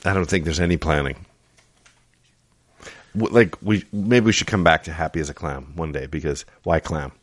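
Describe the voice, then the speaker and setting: A man co-hosting a casual chat, musing slowly and laughing often. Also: a bass voice, dry recording. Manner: drawn-out musing, quick to laugh. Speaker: co-host.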